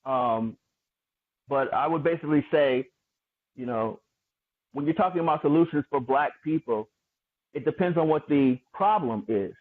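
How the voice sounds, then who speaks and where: A man argues his side in an online debate, sarcastic and pointed. His voice sits a bit high. The audio is thin and tinny like a phone line. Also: moderate pace, long pauses. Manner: argumentative, sarcastic. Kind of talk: heated debate.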